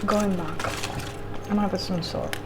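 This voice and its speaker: A woman's voice: medium pitch, fairly even intonation, measured pace, over loud music. A woman chatting casually and informally between bites of food, meandering from thought to thought as in a mukbang vlog. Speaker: vlogger eating on camera while reviewing a show. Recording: clearly audible background noise.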